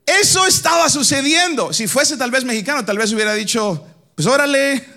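A man from the Dominican Republic preaching an impassioned sermon, shouting some lines and chanting others in a sing-song cadence, calling his listeners brothers. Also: extremely high pitch, expressive, brisk. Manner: keeps addressing the congregation as brothers.

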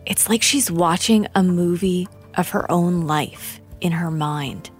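A woman narrating a documentary in a measured, deliberate, scripted way. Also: lowish voice, faint music behind.

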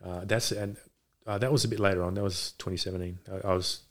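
Low, flat-toned man, rambling casually. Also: fast. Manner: hesitant, rambling. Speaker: podcast guest, boxing coach. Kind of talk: casual chat. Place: home garage.

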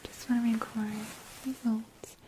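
A woman whispering softly and calmly through an ASMR exam roleplay, guiding the listener step by step. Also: a little high, slight background noise, poor audio. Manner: soft unvoiced whisper, slow and calm.

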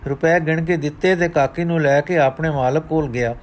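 A man's voice: a little high, slight background noise. Man reading a devotional story. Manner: measured storytelling. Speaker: narrator.

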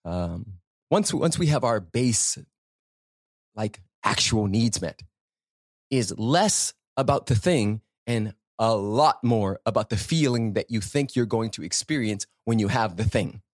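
A man's voice: fairly low pitch, lively intonation, measured pace, no echo, clean studio sound. A man hosting a spiritual self-help podcast, speaking off the cuff in an emphatic, preacherly way, with rhetorical questions and repetition. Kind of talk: impromptu motivational talk.

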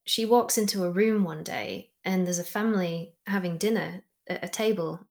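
A woman guest on a podcast, chatting casually and reacting eagerly, quick to laugh. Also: lowish voice, gravelly, a little mellow. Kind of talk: casual interview chat.

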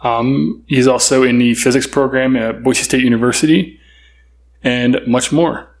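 A man's voice: medium pitch, steady tone, measured pace. A man from Idaho co-hosting a podcast, laid-back and jokey as he introduces the guest. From Idaho, USA. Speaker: podcast co-host. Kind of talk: casual interview.

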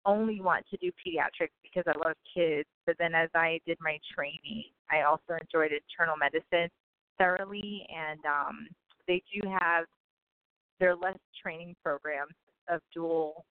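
A woman's voice: low-pitched, clear, resonant tone, no room sound. A woman in her thirties from Guyana, a physician talking about her career as an interview guest, chatty with frequent laughs and ums. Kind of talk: casual interview answers. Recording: tinny phone-like line.

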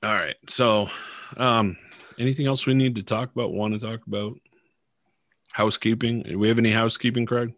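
A man hosting a podcast in casual banter, playful and quick to tease his co-host. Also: fairly low pitch, steady tone, a bit bright, no echo, studio quality.

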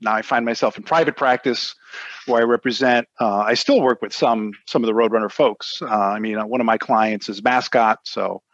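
This interview guest, a middle-aged American lawyer from the music business, speaks at a normal pace in a mid-range, fairly bright voice. He reminisces casually and rambles, sprinkling in "you know" and other fillers. There's no echo, but the top end is missing.

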